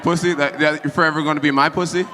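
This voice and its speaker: A man's voice: fairly high pitch, steady tone, racing, very noisy. A man talking crude, taunting trash to an opponent. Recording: echoey hall with very loud crowd.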